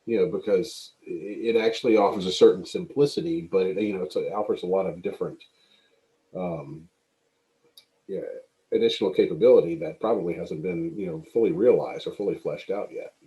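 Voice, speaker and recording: A man's voice: sits low, fairly quick, dark tone, poor audio. A man talking casually on a call, hesitant and using many fillers like "uh, you know". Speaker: community member on the call. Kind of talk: casual livestream discussion.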